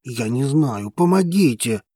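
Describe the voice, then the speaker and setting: A man voicing a fierce, devoted alien husband, speaking in a low, strained, desperate voice. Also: expressive, measured pace, warm tone, slightly rough, no echo, studio quality. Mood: panicked.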